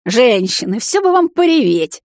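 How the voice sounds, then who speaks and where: A woman's voice: fairly low pitch, fairly even intonation, a little fast, no room sound, studio quality, close to an everyday voice. Brash cheeky young vampire guy, as a woman puts him on. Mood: teasing. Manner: loud teasing, brash.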